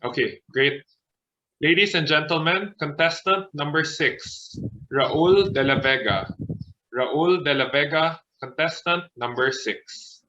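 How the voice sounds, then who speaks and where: A man runs a speech contest over a video call, calling contestants and checking their audio in a polite, procedural way. His voice is bright and pushed forward, but the call audio is dull and lo-fi. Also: a little high, slow pace. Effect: heard over a video call. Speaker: contest chair. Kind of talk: formal contest announcing.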